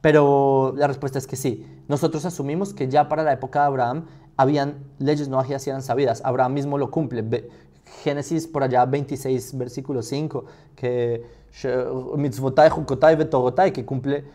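Man teaching, mellow voice, rhetorical questions. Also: medium pitch, steady tone, fairly quick. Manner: thinks aloud with rhetorical questions. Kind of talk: live class answering questions.

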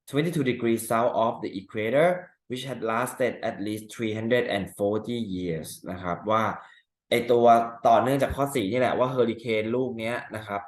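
A male teacher walking through exam answers step by step, asking rhetorical questions and reading example sentences slowly. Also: on the low side, reverberant. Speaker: English teacher. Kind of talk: exam answer walkthrough lesson.

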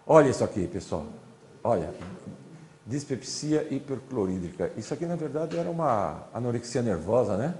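A man's voice: medium pitch, sing-song, normal speed, darkish tone, slight background noise. A man giving an informal classroom lecture, chatty, constantly saying "look" as he points at slides. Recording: echoey lecture hall.

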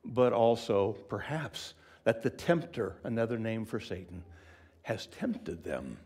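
A man preaching a sermon in an expressive, conversational way, asking the listeners questions and often dropping to a whisper for emphasis. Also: fairly low pitch, a little slow, slightly rough. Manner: conversational, asks the congregation questions.

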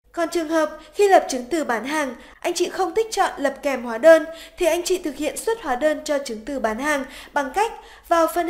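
A woman with a high, light voice reads scripted instructions for a software tutorial. Her delivery is polite, even and methodical, walking the listener through each step. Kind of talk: scripted narration. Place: voice-over over screen recording.

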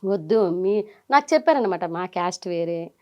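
A middle-aged woman, telling her story as an interview guest in lively bursts and quoting people as she goes. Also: on the low side. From Nellore region, India. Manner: animated, quotes people in quick bursts.

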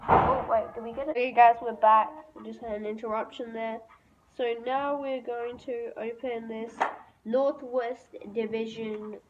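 A woman's voice: on the high side, fairly even intonation, a little slow. A woman hosting a casual mobile game pack-opening video, chatting in a rambling way to her viewers. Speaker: mobile game channel host. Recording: tinny phone-like audio with faint hiss.

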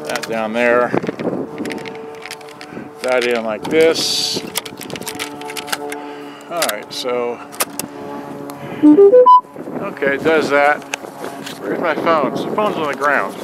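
Speaking extremely slowly with long pauses, a medium-pitched man mutters and rambles while casually demonstrating a repaired boombox he's selling, unscripted, in a grassy open yard. He's behind the handheld camera. Loud music plays over him, and the low-quality recording has loud wind and outdoor noise.

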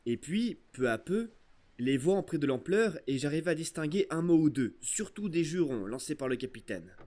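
A man's voice: on the high side, normal speed. Man narrating an adventure story. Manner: expressive storytelling, first-person voice of a boy. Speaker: audiobook narrator. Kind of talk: scripted narration.

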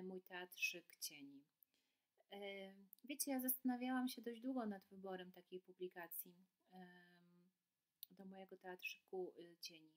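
A woman reading a children's storybook aloud in a gentle, soothing way, then talking casually about it. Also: mid-range voice, rough recording. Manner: gentle, soothing, with filler sounds. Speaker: workshop leader. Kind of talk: storybook narration.

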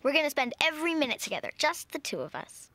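An actress voicing an eager, cheerful twelve-year-old witch girl who gushes excitedly. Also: high voice, fast talker, noisy background. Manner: excited, gushing.

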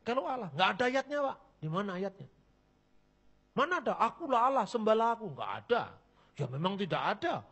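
Pastor guy, high voice, preaching blunt and mocking, tells lots of stories. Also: a little fast, gravelly, pauses often, husky. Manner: animated, mocking, blunt, switches into Javanese phrases. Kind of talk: sermon with anecdotes.

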